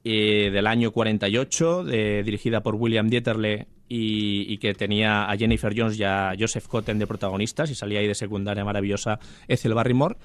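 A man's voice: on the low side, fairly even intonation, brisk, no echo. A man, co-hosting a podcast and chatting enthusiastically about old films. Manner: enthusiastic storyteller. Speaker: podcast co-host. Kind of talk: casual chat about films.

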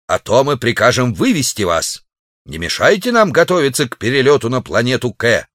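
A man's voice: mid-range voice, sing-song, a little fast, fairly bright tone, no echo, clean studio sound. A man doing a stern, officious chairman. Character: pompous congress chairman, middle-aged man.

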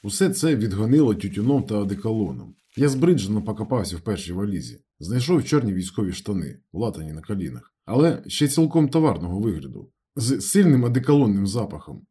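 Audiobook narrator, male, steady first-person storytelling, husky tone, animated pitch. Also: fast, hardly any pauses. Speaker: audiobook reader. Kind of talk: scripted novel narration.

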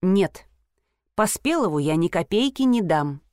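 A woman voicing a sharp-tongued wealthy mother who speaks in a caustic, dismissive way. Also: on the low side, very animated, unhurried, no room sound, studio quality.

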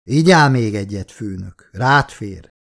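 A man's voice: fairly low pitch, lively intonation, fairly bright tone. Brief: male reader doing an easygoing worker sidekick, chatty and joking.

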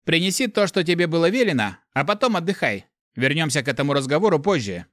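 Man doing a scornful disembodied spirit, higher than his usual voice, curt and snapping, dry close sound. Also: lively intonation, brisk, no echo, close to an everyday voice. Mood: cold, irritated. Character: cold irritable disembodied male spirit voice.

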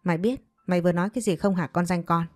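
A woman voicing a stern, short-tempered middle-aged mother who scolds harshly and quickly in a storybook tale. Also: on the low side, fairly even intonation, no room sound, clean studio sound, faint music behind, lightly acted. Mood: scolding.

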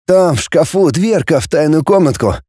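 A man's voice: fairly high pitch, expressive, moderate pace, mellow, slightly rough, dry recording, clean studio sound, voice pushed up. A man doing a fussy, nervous teenage boy. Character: gangly nervous teenage boy, eager to help.

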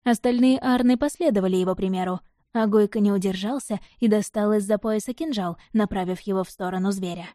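A woman narrates a first-person audiobook, even and measured. Her voice is mellow and warm-toned, recorded dry and close. Her pitch sits in a middle range. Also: dry recording.

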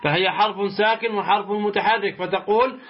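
A man teaching a tajweed lesson, explaining slowly and deliberately, pausing to pose rhetorical questions to his students. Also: high-pitched. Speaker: Quran recitation teacher. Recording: muffled lo-fi recording.

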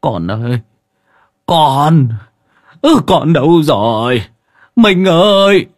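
A man's voice: on the high side, animated, slow, voice pushed up. A man voicing a panicked, weeping old grandfather who cries out for help in a storybook reading. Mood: desperate wailing. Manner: cries out in rising, strained wails.

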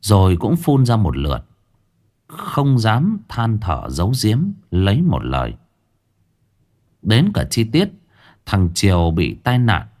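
Low-voiced man narrating a ghost story. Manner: lively, colloquial storytelling.

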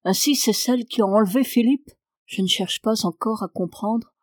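A woman narrating a novel in the first person, with a measured, expressive reading. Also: fairly high pitch, no room sound, studio quality. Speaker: audiobook narrator.

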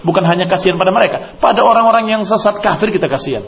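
A man preaching a religious lecture, emphatic and rising to forceful exclamations, tagging his points with short interjections. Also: high-pitched, lively intonation, rapid-fire, vocal fry. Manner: peppers speech with short "ya" and "hei" tags. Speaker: Islamic preacher. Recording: dull lo-fi lecture recording with faint noise.

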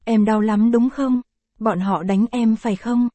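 A woman's voice: a little high, fairly even intonation, measured pace, mellow, dry recording. A woman voicing an anguished teenage boy who pleads tearfully with his little brother.

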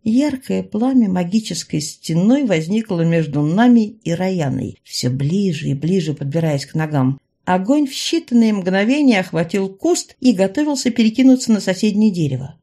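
Husky-voiced woman narrating an audiobook. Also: medium pitch, expressive, normal speed, few pauses, warm tone. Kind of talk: expressive first-person audiobook narration.

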